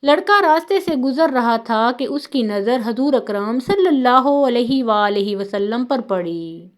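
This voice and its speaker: A woman narrating religious stories in a calm, measured, scripted way. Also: fairly high pitch. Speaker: storyteller.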